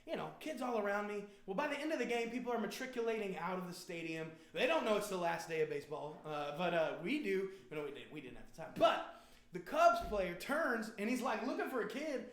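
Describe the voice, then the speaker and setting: A man hosting a band's live stream, from Indiana in the US, chats and jokes with his audience in a rambling, slangy, playful manner. His high voice has a sing-song lilt and runs a little fast. The recording sounds echoey and spacious.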